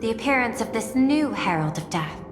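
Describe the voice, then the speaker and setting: A woman's voice: fairly high pitch, expressive, fairly quick, over music, lightly acted. A woman acting a reverberant, calculating AI executive. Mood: measured, grave. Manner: formal, composed, precisely articulated, dryly teasing. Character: cool, calculating female-voiced artificial intelligence CEO. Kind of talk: dramatic game voice acting.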